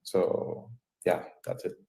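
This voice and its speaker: A man from Cameroon introducing himself as a software engineering team lead on a video call, measured and a little hesitant. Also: reverberant. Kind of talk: brief self-introduction.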